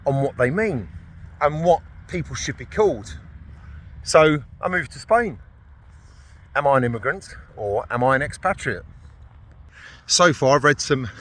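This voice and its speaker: A man's voice: on the high side, a bit bright. A British man from the UK giving a chatty, blunt and wry vlog talk while out on a morning walk outdoors. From United Kingdom. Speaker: vlogger, veteran. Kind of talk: casual talking-to-camera vlog.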